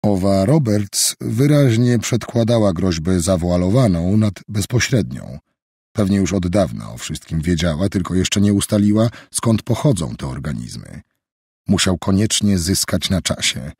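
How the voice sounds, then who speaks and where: A man narrating an audiobook in a steady, measured reading. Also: low voice, husky, no room sound, studio quality. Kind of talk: scripted narration.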